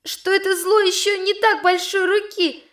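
A woman's voice: very high voice, little pitch movement, normal speed, fairly bright tone, voice pushed up. A woman voicing a top girl student who recites a fable through tears, choked and agitated. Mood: tearful.

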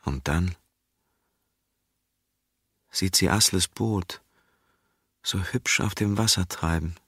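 A man reading a literary novel aloud as narrator, in a calm, measured cadence that drops toward a near-whisper for a character's thoughts. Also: deep voice, breathy edge, dry recording, clean studio sound.

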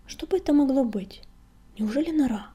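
A woman's voice: high voice, animated, fairly quick, dark tone, voice pushed up. A woman voicing a young male warrior cat, anxious and blunt, in whispered role-play. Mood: curious.

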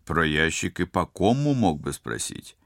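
A male narrator reading an audiobook in a steady, even way. His voice sits very low and carries a gravelly texture. The recording is close and dry. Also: measured pace, no echo. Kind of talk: scripted narration.

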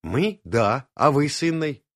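A man's voice: medium pitch, big pitch swings, a little slow, creaky, dry recording, clean studio sound, voice pushed up, heavily acted. A man voicing a frank, thoughtful young woman in an audiobook, candid and wry.

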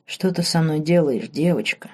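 A woman voicing a composed man in his mid-thirties, a grand master who speaks calmly and quietly. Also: deep voice, moderate pace. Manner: calm, quiet. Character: calm 36-year-old male grand master, composed.

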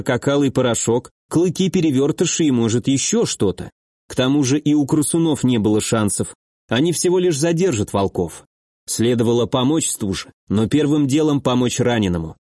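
Male audiobook narrator, steady measured reading, medium pitch, dry close sound. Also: no room sound. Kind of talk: scripted fantasy audiobook narration.

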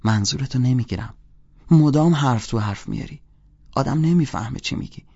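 A man voicing an impatient, dismissive teenage girl in an audiobook, with a drawn-out, offhand delivery. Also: mid-range voice, lively intonation, warm tone, husky, dull audio, pitched above the performer's own voice.

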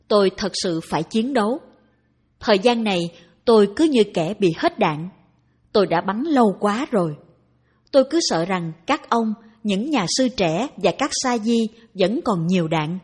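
A woman reading a dharma talk aloud in a calm, even narration. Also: medium pitch, slightly rough. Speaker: reader of dharma talks.

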